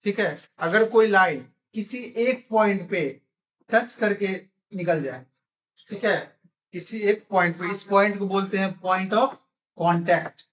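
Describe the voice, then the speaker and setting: A man's voice: high-pitched, fairly bright tone, highs cut off. A man teaching a classroom math lesson in speech, constantly quizzing his students with repeated questions.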